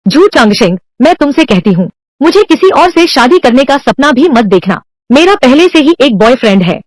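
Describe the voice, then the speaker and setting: A woman's voice: sits high, sing-song, normal speed, no echo. A young woman voicing a headstrong daughter in a dubbed TV drama, who defiantly refuses an arranged marriage. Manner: defiant and insistent. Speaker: dubbing actress.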